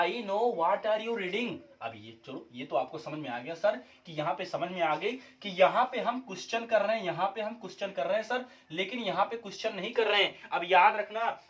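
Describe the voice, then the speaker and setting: A young man with a high-pitched voice explains English grammar to learners. He repeats each example again and again with firm emphasis, and he sounds a little unwell, with the odd cough. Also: a bit bright, lo-fi sound. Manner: repetitive, emphatic classroom explaining, quotes example sentences. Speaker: English teacher. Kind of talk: Hindi-language English grammar lesson.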